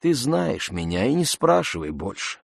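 A man voicing a weary, sluggish nobleman who speaks quietly, pleading and sighing. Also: mid-range voice, sing-song, normal speed, vocal fry, slightly rough, no echo, studio quality, exaggerated voice. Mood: hushed. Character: weary, sluggish male nobleman, hushed and sad.

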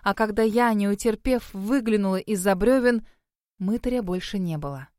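A woman narrating a fantasy audiobook in the first person with a measured, expressive reading. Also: mid-range voice, dry recording, clean studio sound.

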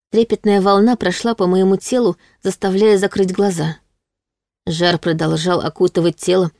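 A woman narrating a story in the first person, calm and even. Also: lowish voice, no room sound, studio quality. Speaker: audiobook narrator.

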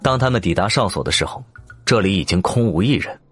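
A man narrating an audiobook in an expressive storytelling manner. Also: lowish voice, fast talker, breathy edge, soft background music. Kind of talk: scripted narration.

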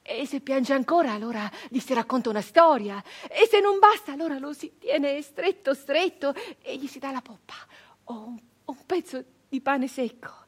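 Sitting high in pitch, the actress's delivery is eager and childlike as she voices a wistful peasant woman reminiscing about girlhood for theatrical radio. Her first-person storytelling moves through halting repetitions, breathy whispers and fervent outbursts.

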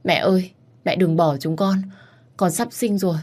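A woman's voice: fairly low pitch, brisk, darkish tone, slightly rough. A woman voicing a grief-stricken young pregnant woman who pleads through tears, in a storybook reading. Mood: pleading, sobbing. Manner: sobbing, pleading.

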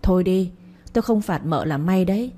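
A woman voicing a cold-faced young husband who teases and bosses his wife with a deadpan manner. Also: lowish voice, moderate pace. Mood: bossy. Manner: deadpan, teasing.

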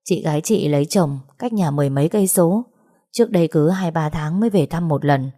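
A woman voicing a composed young rural woman teacher who talks in a steady, soothing way. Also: low-pitched, a little fast.

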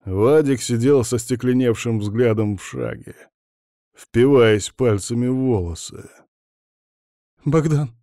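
A man narrating an audiobook in the first person, his own lines low and subdued. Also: a little slow, dark tone, no room sound. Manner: hoarse, low and subdued in dialogue. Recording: dry, close studio sound.

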